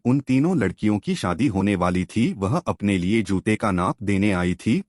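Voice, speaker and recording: A man's voice: lowish voice, a little mellow, no echo, clean studio sound. A man narrating a moral story, addressing listeners as friends.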